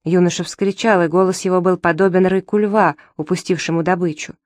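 A woman narrating an audiobook in a measured, dramatic way. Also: on the low side, fairly even intonation, a little mellow, dry recording, studio quality.

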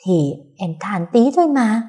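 A woman voicing a sharp-tongued young woman who mocks her friends. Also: medium pitch, big pitch swings, unhurried, pitched above the performer's own voice. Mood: sassy. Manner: mocking, sassy.

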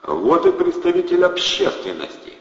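A man voicing a loud, brash young male hustler who bellows in slang. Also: on the low side, big pitch swings, moderate pace, roomy sound, long reverb tail, dull audio, voice pushed up. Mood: boisterous.

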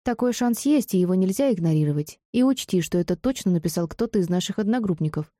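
A woman's voice: mid-range voice, lively intonation, fast talker, warm tone, no echo, studio quality, close to an everyday voice. A woman voicing an earnest, anxious young female student who talks things through carefully, in an audiobook.

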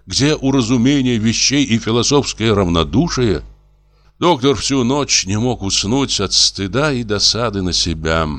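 Male audiobook narrator, low voice, measured and expressive. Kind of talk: audiobook reading of classic fiction.

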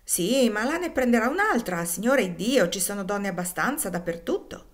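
A woman voicing a callous, businesslike male slave trader, brisk and matter-of-fact. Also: mid-range voice, animated, close to an everyday voice.

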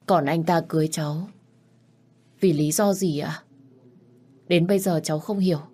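A woman's voice: sits low, fairly even intonation, normal speed, dark tone. A woman voicing a frightened young bride who speaks earnestly and pleads. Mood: pleading.

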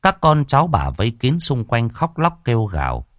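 A man narrating a ghost story, dramatic and slowing down for suspense. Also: mid-range voice, wildly swooping pitch, dry recording, studio quality.

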